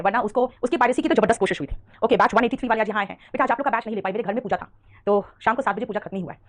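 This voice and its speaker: A high-voiced Indian woman teaches an English grammar lesson at a rapid clip. Her tone is brisk and fondly scolding, like a teacher coaxing students through common mistakes. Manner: fast, scolding-affectionate, calls students "beta". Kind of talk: online grammar class.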